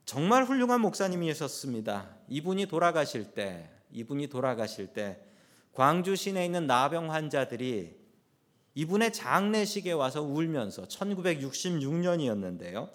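A male pastor delivers a sermon in a storyteller's way, with a fairly high voice. His pitch swings widely as he builds toward emphatic points and then drops back down. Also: sing-song, moderate pace. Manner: storytelling preacher, rising and falling emphatically.

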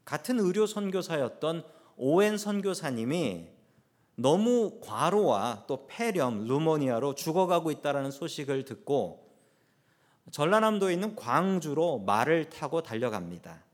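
A male pastor delivers a sermon in a storyteller's way, with a fairly high voice. His pitch swings widely as he builds toward emphatic points and then drops back down. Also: sing-song, measured pace. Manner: storytelling preacher, rising and falling emphatically.

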